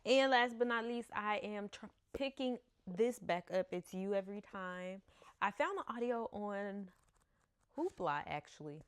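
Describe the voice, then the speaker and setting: A woman's voice: medium pitch, expressive, unhurried, clean tone. A woman in her thirties from the United States, a book vlogger chatting casually at home into a camera mic, laughing often and stumbling over names. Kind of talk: casual chat.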